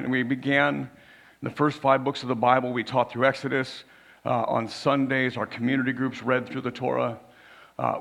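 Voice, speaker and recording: A male pastor gives an informal sermon in a hoarse, gravelly voice that sits at an average pitch. He explains things plainly, tagging points with a questioning "right?", and the rasp of a failing voice runs through his delivery. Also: fairly bright tone. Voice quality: raspy.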